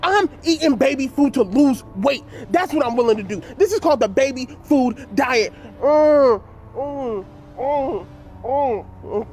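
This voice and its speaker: A man's voice: very high-pitched, animated, moderate pace, hardly any pauses, darkish tone, faint music behind. A man bragging in hyped slang in a food vlog clip played on a podcast. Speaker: TikTok creator.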